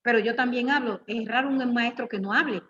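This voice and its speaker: A woman's voice: a little high, brisk, slight background noise. A middle-aged woman, a guest speaker at a church women's meeting, preaching informally with personal stories, teasing and questioning her listeners. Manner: lively, teasing, questions the audience directly. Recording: echoey church hall, dull lo-fi sound.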